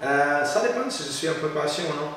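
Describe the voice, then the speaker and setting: A man with a Portuguese accent answering casual interview questions in halting, non-fluent French with a foreign accent. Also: on the high side, animated, fairly bright tone. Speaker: interviewee, competitive physique athlete. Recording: echoey room, distant mic, faint noise.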